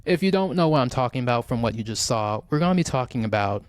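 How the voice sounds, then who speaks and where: A man's voice: mid-range voice, lively intonation, quick pace, clear, resonant tone, no room sound, clean studio sound. A man hosting a pop culture commentary series in a casual spoken style. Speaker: host.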